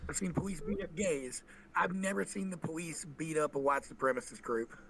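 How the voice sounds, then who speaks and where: A man's voice: on the high side, brisk, vocal fry, a bit bright, a little hiss or hum. A young man co-hosting a casual podcast chat, ranting heatedly and swearing freely. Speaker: podcast co-host.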